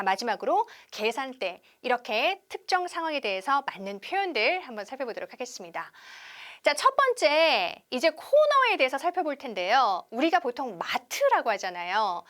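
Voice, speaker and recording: A woman teaching English conversation on a TV lesson, drawing out each model word slowly for viewers to repeat. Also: sits high. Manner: lively teacher, slow drawn-out model English words for repeating.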